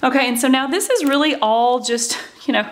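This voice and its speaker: A craft channel host with a high, animated voice talks briskly through a tutorial, chatting casually as she explains each step. She often says "um" and "okay, so."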